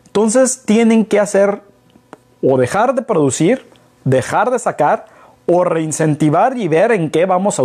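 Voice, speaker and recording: A middle-aged Mexican business consultant sits in a living-room armchair, talking casually about business to the camera and tossing in rhetorical questions. His voice is high with a darkish tone, picked up by a camera microphone at a distance.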